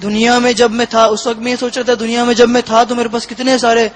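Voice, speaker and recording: Sex: man. Role: guest. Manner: halting, high voice. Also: monotone, poor audio. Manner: halting, reflective, pausing often between phrases. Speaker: interview guest. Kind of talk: personal testimony.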